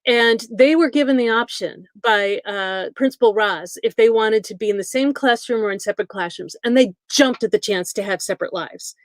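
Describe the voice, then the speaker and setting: A woman's voice: fairly high pitch, moderate pace, few pauses, no room sound. A middle-aged woman from Wisconsin with a Midwestern accent, introducing herself in a friendly, chatty way as a school board candidate. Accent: Midwestern American. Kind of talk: casual self-introduction.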